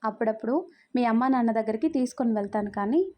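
A woman's voice: on the high side, fast, mellow, close to an everyday voice. A woman voicing a playful young groom.

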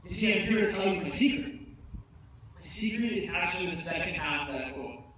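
A man's voice: high voice, brisk, pushed and bright. A young man giving a graduation speech from a podium on an outdoor stage, earnest with self-deprecating jokes. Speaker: commencement speaker. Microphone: podium mic, filmed from far off. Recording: echoey PA sound from far off, noisy.

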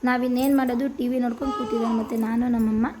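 A woman's voice: on the high side, little pitch movement, racing, crowd noise. A woman from Karnataka casually narrating a cooking vlog in her home kitchen, chatty and homely, repeating her phrases. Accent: Kannada, Karnataka. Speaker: vlogger.

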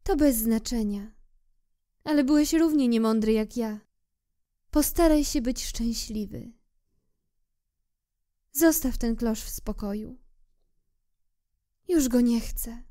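Woman doing haughty little storybook flower, pert and high, slow and mellow. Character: proud delicate female flower, haughty and brave.

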